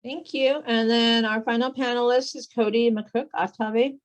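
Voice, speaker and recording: A woman moderating a community panel discussion, speaking in a measured way with frequent pauses. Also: a little high, steady tone, highs cut off.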